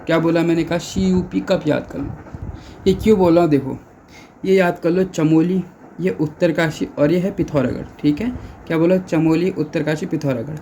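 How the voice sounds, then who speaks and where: A man's voice: fairly high pitch, steady tone, normal speed, dark tone, slight background noise. A male exam-prep teacher who runs through facts by asking questions and answering them himself, over and over. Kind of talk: exam-prep lesson with repetition and rhetorical questions.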